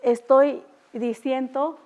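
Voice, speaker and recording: A young woman who speaks Mixtec natively, teaching an unscripted language class in an auditorium, halting with many fillers and repeating example sounds. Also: high voice, fairly even intonation, a little mellow. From Oaxaca, Mexico. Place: university auditorium.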